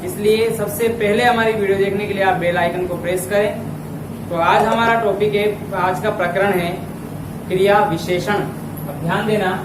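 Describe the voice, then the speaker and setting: A man teaching a classroom lesson, speaking slowly and repeating words and phrases so students can write them down. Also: high-pitched, steady tone, echoey room, far from the mic, background noise. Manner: keeps saying "ab dhyan dena" to draw attention. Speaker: Hindi grammar teacher.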